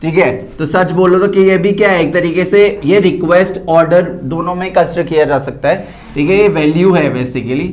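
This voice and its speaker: A man with a slightly high, somewhat mellow voice gives a casual English lesson at home at normal speed, speaking Indian English mixed with Hindi. He uses plenty of fillers and repeats example sentences word by word, with household noise in the background.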